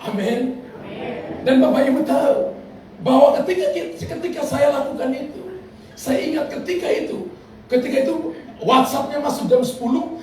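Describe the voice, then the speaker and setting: Male pastor, lively preacher, sounds far from the mic in a big reverberant hall. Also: very high-pitched. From Indonesia. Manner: animated preaching with laughter and acted-out quotes. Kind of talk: sermon. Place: large church hall. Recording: echoey hall from far off with noise.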